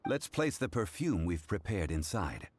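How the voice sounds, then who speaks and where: A man voicing a composed, courteous, scholarly gentleman in a video game, formal and measured in phrasing. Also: low-pitched, big pitch swings, no room sound.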